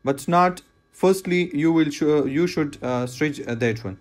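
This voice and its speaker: Slow-talking man explaining knot tying. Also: on the high side. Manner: plain, repetitive step-by-step instructions with non-native phrasing. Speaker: fishing knot instructor. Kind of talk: hands-on tutorial voice-over.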